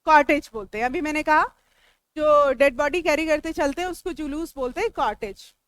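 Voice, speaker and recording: Her voice high and a bit bright, an Indian English-accented woman lectures a class on vocabulary, taking words apart piece by piece and explaining their meanings gradually. She talks back and forth with the students, asking and answering. The mic sits close in a dry, echo-free room.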